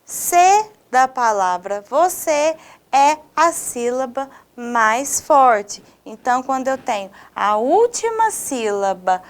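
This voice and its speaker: Slow, high-voiced Brazilian woman teacher. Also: very animated. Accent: Brazilian Portuguese. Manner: slow, clearly stressed didactic delivery addressing students. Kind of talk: scripted video lesson.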